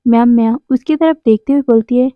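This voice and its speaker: A woman with a slightly high voice narrates a romance story, speaking every character's lines herself. The sound is dry and thin, like a phone recording. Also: a little fast, dry recording. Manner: reads all dialogue in her own voice. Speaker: fanfiction narrator. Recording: dry tinny phone-like audio.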